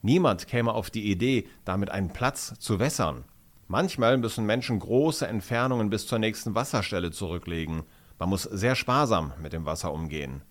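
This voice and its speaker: A man's voice: lowish voice, natural voice. A man reading aloud, voicing an earnest, polite young boy who tells the other children about life in his home village. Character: boy newly moved from the countryside, polite, thoughtful.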